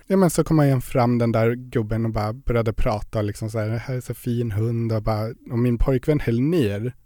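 A man's voice: medium pitch, dark tone, dry recording. Young guy w rambling thru a story, lots of fillers, dead dry mic. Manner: chatty storytelling with many fillers. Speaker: podcast guest. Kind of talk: casual interview chat.

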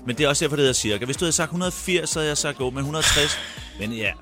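A middle-aged man as a radio guest telling long, animated anecdotes in casual chat. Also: a little high, music in the background. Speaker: radio guest, quiz setter.

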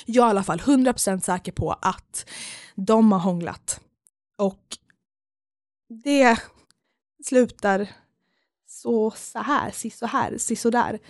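A woman's voice: on the high side, pauses often, dry recording, studio quality. A young woman, telling a story in casual podcast chat, acting out quotes and swearing freely.

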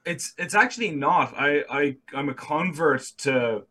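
A man's voice: fairly high pitch, expressive, unhurried, pushed and bright, rough recording. A young man with a Dublin accent, a political correspondent talking candidly as a guest, often restarting his sentences. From Ireland. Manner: earnest, candid, with frequent restarts. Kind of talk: casual interview.

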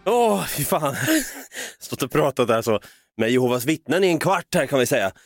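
A man's voice: medium pitch, music in the background. A man co-hosting a podcast in casual chat, laughing often, swearing and telling stories with put-on voices. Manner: laughing, swearing, lively storytelling. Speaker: podcast co-host.

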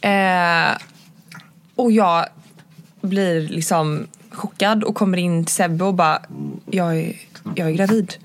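A woman's voice: lowish voice, pauses often. A woman co-hosting a casual podcast chat, telling her story with lots of hesitant fillers and acting out both sides of the dialogue. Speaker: podcast co-host.

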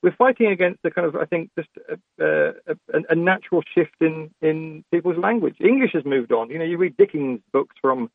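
A man debating on a radio phone-in, repeating words haltingly as he makes his case. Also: a little high, no echo. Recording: narrow phone-like radio line.

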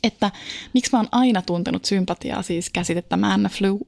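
Woman with a gravelly edge, chatty and laughing a lot, dead dry studio sound. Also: medium pitch, dry recording. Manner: laughs often, self-mocking storytelling. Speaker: podcast co-host. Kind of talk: casual chat.

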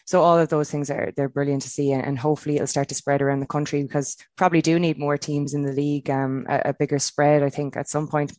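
A woman's voice: sits low, a little mellow, dry recording, studio quality. An Irish woman from Kilkenny giving her views as a guest in a casual interview. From Kilkenny, Ireland. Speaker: football player and pundit guest.

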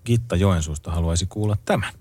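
A man's voice: sits low, noisy background. A man co-hosting a late-night radio show, reading out listener greetings and song requests in an easygoing way. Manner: easygoing, reads listener messages aloud. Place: radio studio. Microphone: close studio microphone.

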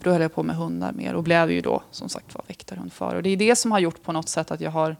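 A woman in her thirties from Sweden tells her story in a relaxed, chatty interview. Her voice sits a little low, with a gravelly fry, and she talks frankly, leaning on filler phrases. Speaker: interviewee, police officer. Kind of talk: casual conversational interview.

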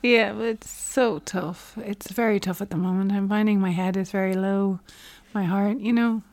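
A woman's voice: mid-range voice, fairly even intonation, moderate pace, darkish tone. An Irish woman chatting casually and emotionally as a podcast co-host, her articulation slightly impeded by dental braces.

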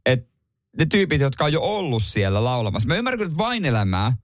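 A man's voice: medium pitch, big pitch swings, no room sound. A man co-hosting a casual chat, dropping dry, wry one-liners.

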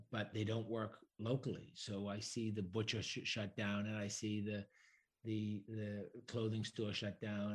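A man's voice: fairly low pitch, husky. A middle-aged man giving explanatory interview answers, building points through emphatic repetition and lists. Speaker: broadband executive interviewee.

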